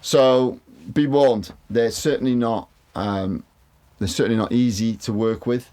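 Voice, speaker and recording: An unhurried, mellow, steady mid-range voice belongs to a big-voiced man, a mixing engineer reviewing studio monitors into a studio condenser mic. He talks casually to camera, rambles, repeats words, and swears here and there.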